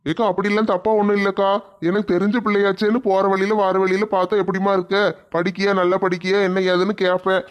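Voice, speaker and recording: A man's voice: high-pitched, flat delivery, fast, smooth, lightly acted. A man voicing a defiant young village man, evasive and argumentative. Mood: defensive. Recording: dull lo-fi recording.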